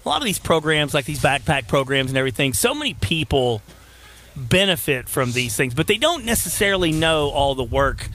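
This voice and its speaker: A man's voice: a little high, very animated, a little fast, fairly bright tone. A middle-aged man hosting a local radio talk show, chatting and telling stories. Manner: chatty storyteller.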